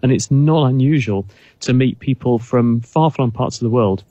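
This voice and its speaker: A man talks through his ideas on a chat show in a measured, explanatory way, often restarting his sentences. His voice sits at a middle pitch and is recorded close and dry, with no room sound. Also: mellow, no echo, highs cut off. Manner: thoughtful, explanatory, with frequent restarts. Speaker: guest expert. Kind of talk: casual radio chat.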